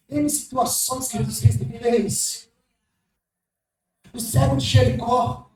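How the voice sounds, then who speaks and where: A male pastor delivers an impassioned sermon, swinging from sudden shouts to hushed asides. His voice sits very high and carries a roomy echo. He stands back from the mic, with faint music playing behind him. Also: a little hiss or hum. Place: church hall. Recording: echoey church hall, mic at a distance, faint music.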